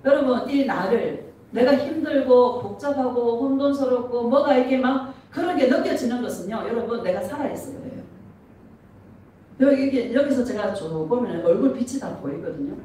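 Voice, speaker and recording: A middle-aged woman pastor preaching an animated sermon, laughing often and asking the congregation questions. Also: a little high, moderate pace, slight background noise. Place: church sanctuary. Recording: echoey church from a distance.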